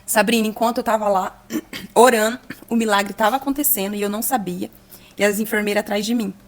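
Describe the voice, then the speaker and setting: A woman's voice: mid-range voice, fairly even intonation, a little fast. A young woman in a podcast telling an emotional testimony, earnest and at times close to tears. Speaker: guest giving testimony.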